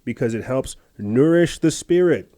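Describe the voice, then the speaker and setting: A man's voice: mid-range voice, animated, moderate pace, mellow. A man hosting a podcast, telling a casual story in a rambling, chatty way with lots of fillers and restarts. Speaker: podcast host.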